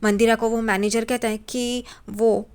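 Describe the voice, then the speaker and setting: A woman's voice: on the high side, little pitch movement, unhurried, a little mellow, clear, resonant tone. A woman casually retelling a TV serial episode, reading out the characters' lines as she goes. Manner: conversational retelling, reads out characters' lines in passing. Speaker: TV serial recap narrator. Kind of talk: casual spoken episode recap.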